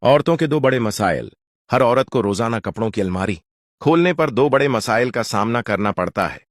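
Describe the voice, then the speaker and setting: A man narrating short jokes in a lively read-out delivery. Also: mid-range voice, normal speed, soft background music. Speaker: joke narrator.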